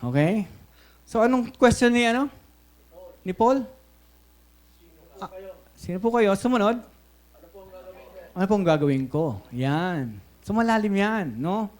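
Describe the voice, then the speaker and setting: A man's voice: sits high, animated, takes it slowly, pauses often, darkish tone. A Filipino man preaching a sermon as pastor, telling stories with animation, switching between English and Tagalog and often checking in with "Okay?".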